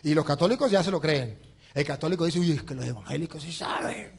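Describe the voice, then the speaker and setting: A man's voice: a little high, fast talker, creaky, husky. A male priest preaching a sermon, telling a humorous story with laughter and imitating the people in it. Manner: animated, laughing, mimics others in anecdotes.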